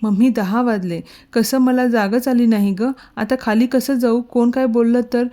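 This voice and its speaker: A woman's voice: fairly high pitch, steady tone, mellow, lightly acted. A woman narrator voicing a shy, easily flustered young wife in a storybook reading. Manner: fretful, quick complaints.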